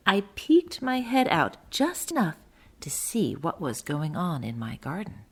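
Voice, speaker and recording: A woman's voice: lowish voice, unhurried, slightly rough, pitched below the performer's own voice, exaggerated voice. A woman reading as a curious little garden mole. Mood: earnest wonder. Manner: expressive, sing-song storytelling. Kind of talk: children's storybook reading.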